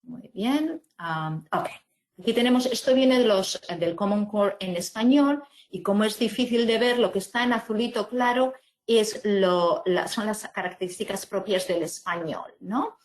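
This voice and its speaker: A woman from presenting an online teaching webinar, explaining slowly with many fillers and tag questions. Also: medium pitch. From Spain.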